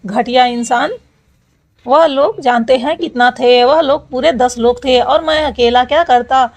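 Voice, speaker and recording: A woman's voice: high voice, measured pace. A woman voicing a sore, whiny young male college student who complains and scolds his friend. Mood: aggrieved.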